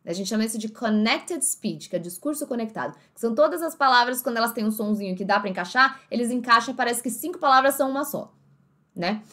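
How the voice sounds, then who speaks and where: A woman teaching English pronunciation in a casual lesson, saying example words slowly and repeating them again and again. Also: a little high, lively intonation, bright, forceful tone.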